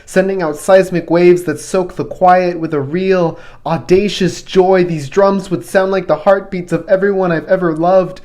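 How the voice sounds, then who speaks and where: A man's voice: sits high, steady tone, a little slow, hardly any pauses, a little mellow. A young adult man reciting spoken word poetry in a lyrical, flowing way. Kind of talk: performance poetry.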